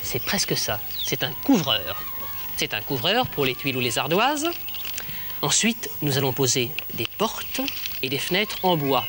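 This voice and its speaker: Kindly children's TV teacher figure. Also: male voice, mid-range voice, big pitch swings, a little slow, background noise. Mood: encouraging. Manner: encouraging, didactic, repeats himself. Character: kindly, reassuring male friend and teacher. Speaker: presenter character François in children's show. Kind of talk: children's television acting.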